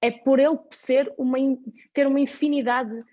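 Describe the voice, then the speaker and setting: A woman's voice: high-pitched, fairly even intonation, moderate pace, warm tone, highs cut off. A woman with a European Portuguese accent, a guest in a casual chat, talking animatedly with lots of examples. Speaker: podcast guest.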